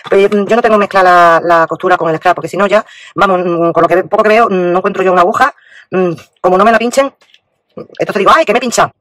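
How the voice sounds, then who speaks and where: A woman with a Spain Spanish accent chatting casually as she unboxes a craft parcel, exclaiming and often dropping to a hushed murmur. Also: on the low side, fast, no echo. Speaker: craft vlogger.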